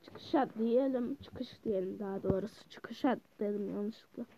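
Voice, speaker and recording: A woman hosting her gaming channel, giving live gameplay commentary, who yells at the game and then mutters complaints. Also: medium pitch, a little slow, highs cut off, a little hiss or hum.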